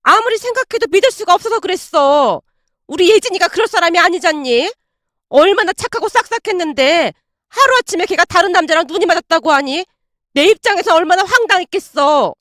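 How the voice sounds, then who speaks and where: A woman's voice: very high voice, animated, fairly quick, fairly bright tone, no echo, pitched above the performer's own voice. A woman voicing a nagging, defensive older mother-in-law who justifies herself in a whiny tone.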